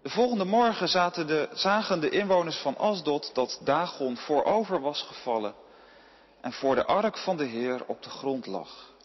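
A man reading a Bible passage aloud at a steady pace, now and then correcting a slipped word. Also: fairly high pitch, normal speed, husky, in a large hall, lo-fi sound. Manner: steady reading with occasional slips and self-corrections. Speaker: scripture reader.

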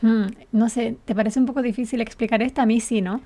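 A woman with a lilt and a fairly high voice, co-hosting a relaxed podcast. She explains things patiently and breaks into easy laughter often. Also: a little fast. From Canary Islands. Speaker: podcast co-host and Spanish teacher. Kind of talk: casual chat.

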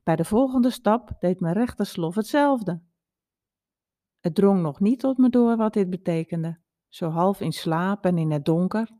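A woman in her fifties reading aloud a personal story in a calm, wry storytelling manner. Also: mid-range voice, measured pace. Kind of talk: read-aloud personal narrative.

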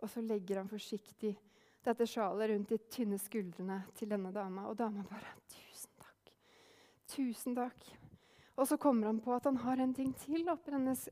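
A woman telling a folk story aloud, lively, acting out the characters' lines herself. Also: fairly high pitch, long reverb tail. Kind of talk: oral storytelling.

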